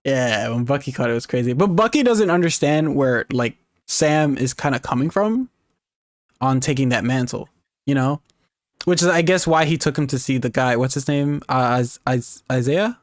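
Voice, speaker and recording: A man co-hosting a gaming podcast, chatting excitedly, swearing freely and laughing often. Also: mid-range voice, moderate pace, no echo, clean studio sound. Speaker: podcast co-host. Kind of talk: casual chat.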